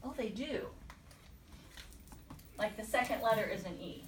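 A woman teacher leading a classroom word-study lesson, encouraging and repeating words slowly and deliberately. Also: medium pitch, noisy background. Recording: echoey classroom from far off.

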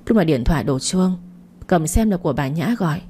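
A woman reads a romance story in a calm, even storytelling voice. Her voice is low-pitched and warm, with a mellow, rounded tone. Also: brisk, slight background noise. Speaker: story narrator. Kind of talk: scripted narration of a romance story.

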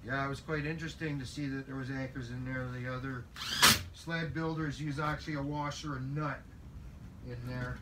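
A man's voice: mid-range voice, fairly even intonation, normal speed. A man in his fifties casually talking through a sled rebuild in his workshop, muttering to himself as he works. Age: 50s. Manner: chatty, mutters to himself while working. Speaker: DIY sled restorer. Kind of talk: casual work-along narration. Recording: loud workshop noise behind voice.

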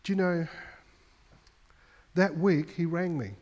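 A man's voice: a little high, slow, a little mellow, muffled recording. A male pastor preaching a sermon, telling a story with emphasis and often repeating words as he goes.

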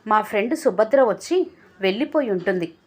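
A woman's voice: medium pitch, lively intonation, brisk, lightly acted. A woman voicing a hurt young wife in a storybook reading, speaking with trembling resentment. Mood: defiant.

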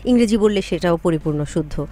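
A woman guest in a radio studio interview, picking her words with care, with pauses and fillers. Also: on the low side, expressive, mellow. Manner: thoughtful, careful wording with many pauses and fillers.

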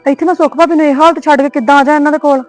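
Actress as a firm young wife on a phone call, brisk talker, faint music under it. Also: female voice, high voice, steady tone, natural voice. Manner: placating but firm on the phone. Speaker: daughter-in-law. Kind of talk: web series drama.

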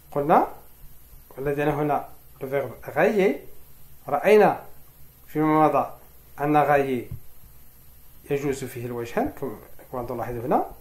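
A man teaching a French grammar lesson, explaining verb rules step by step and spelling out forms slowly. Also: medium pitch, darkish tone, roomy sound.

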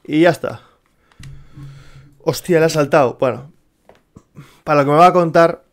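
Over faint music and car sounds from the game, a young streamer with a Spain Spanish accent swears a lot and complains to the on-screen characters. His voice sits on the high side at a moderate pace.

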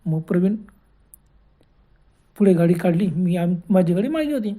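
Woman telling a spooky night-road story in a soft dark tone, easygoing and chatty, restarts mid-phrase a lot. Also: on the low side, lively intonation. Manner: colloquial, unhurried retelling with restarts. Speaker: horror storyteller. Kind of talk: first-person ghost story narration.

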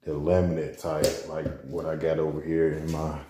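A man's voice: very deep voice, flat delivery, normal speed, warm tone, slight background noise. A young man vlogging casually at home in his apartment, rambling in slang while moving furniture and a bit out of breath. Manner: laid-back, rambling with slang and restarts. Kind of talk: casual vlog chat. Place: apartment bedroom, indoors.

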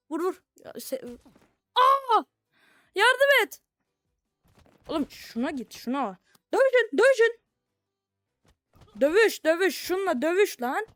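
A young woman streamer from Turkey talks through her virtual reality gameplay in a very high, lively voice. She teases the characters in a mock-friendly way and breaks into shouts. The sound is dry and close. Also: no room sound. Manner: playful, mock-friendly taunting, bursts of shouting. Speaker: gaming streamer. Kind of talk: casual VR gameplay commentary.

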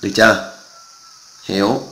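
Guy teaching math, explains step by step, keeps checking students get it, bright voice. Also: fairly low pitch, a little slow, echoey room, rough recording. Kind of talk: exam walkthrough lesson.

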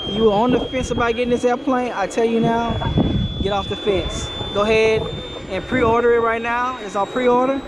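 Man, enthusiastic camera operator, higher pitch, distant outdoor sound with loud wind. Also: fairly even intonation, normal speed. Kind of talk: casual chat at an airfield. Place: outdoors at an airfield, behind the camera. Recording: off-mic with loud wind noise. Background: wind and jet engine.

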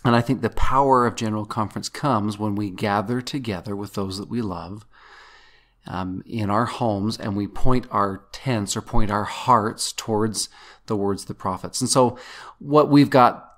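A man's voice: lowish voice, normal speed, a bit bright. A man in his thirties co-hosting a casual scripture podcast with his wife, playful and at times putting on a mock radio-announcer voice. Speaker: podcast co-host.

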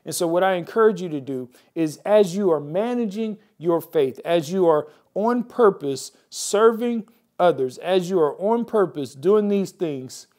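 Animated and measured, an American pastor with a high, darkish voice exhorts his audience directly during a mid-week sermon that includes prayer and scripture. He repeats important phrases to drive them home.

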